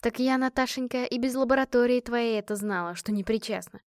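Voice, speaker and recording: A woman voicing a smart woman scholar who talks in an instructive, gently teasing way. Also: fairly high pitch, brisk, no echo, clean studio sound, close to an everyday voice.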